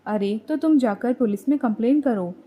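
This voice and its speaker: A woman's voice: on the high side, moderate pace, dull audio, natural voice. A woman voicing a sensible young college girl who speaks in a direct, lecturing way. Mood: concerned. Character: sensible young college girlfriend, bossy and caring.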